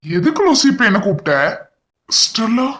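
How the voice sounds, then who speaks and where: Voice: mid-range voice, sing-song, normal speed. A performer voicing Sanjay, a moody, short-tempered but caring young husband in a cartoon, speaking in a curt, irritable way. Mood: concerned. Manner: curt and irritable, softening to comforting. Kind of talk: cartoon voice acting.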